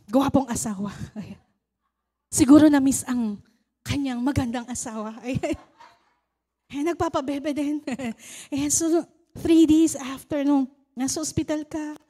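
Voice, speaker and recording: A Filipino woman in her thirties gives a sermon testimony in church. She tells her story with frequent laughs and grows loud when she is stirred. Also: high voice. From Philippines. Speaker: lay preacher giving a testimony.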